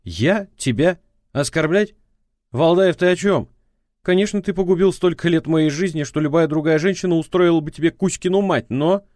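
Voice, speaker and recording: A man's voice: on the high side, moderate pace, a little mellow, no room sound, studio quality, voice pushed up, natural voice. A man voicing a scornful, nagging ex-wife who lectures and mocks in a prosecutorial tone. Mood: mocking.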